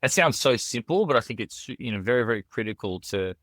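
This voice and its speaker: An Australian man speaks as a guest in a casual podcast interview, with an earnest, searching way of talking full of fillers and restarts. His voice sits at an ordinary middle pitch. The sound is dry and close, with no room around it. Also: expressive, fairly quick, a bit bright, no room sound. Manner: earnest, with frequent fillers and repeated words.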